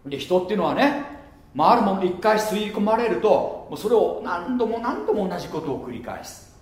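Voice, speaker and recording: A man preaching a sermon as pastor, lively and playful, slipping into muttered mocking asides. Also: high-pitched, a little fast, echoey room. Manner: lively, mutters mocking asides and laughs at his own jokes.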